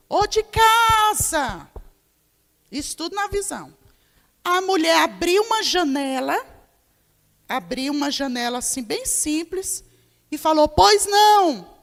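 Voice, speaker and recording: Woman pastor, high voice, storytelling sermon, long reverb of a church hall. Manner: storytelling, acts out dialogue, addresses congregation as irmão. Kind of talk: sermon testimony.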